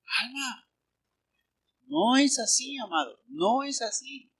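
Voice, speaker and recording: A Mexican man preaches a sermon in a ringing, forceful voice. His pitch sits high for a man, and he keeps asking the congregation for agreement. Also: unhurried. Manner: animated preaching with rhetorical questions to the congregation. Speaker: pastor.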